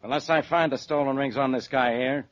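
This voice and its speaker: Man acting sarcastic, gruff Inspector Faraday. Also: medium pitch, fairly even intonation, brisk, lightly acted. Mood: skeptical. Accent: American. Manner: sardonic, grumbling retorts. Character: gruff, sarcastic, exasperated male police inspector. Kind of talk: 1940s radio acting. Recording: dull, noisy vintage radio recording.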